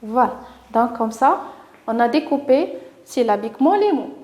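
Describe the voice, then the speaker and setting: A woman with a Moroccan accent teaching a lesson to young children, speaking slowly and clearly, encouraging them and sounding out each syllable. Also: on the high side, animated, a little mellow, reverberant. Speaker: primary school teacher.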